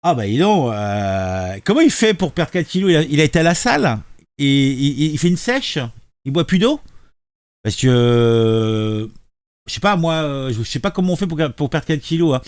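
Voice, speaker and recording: A man's voice: fairly high pitch, sing-song, moderate pace, smooth, no echo. A man giving casual reaction commentary, sarcastic and mocking, hesitating with many fillers. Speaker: political commentary youtuber.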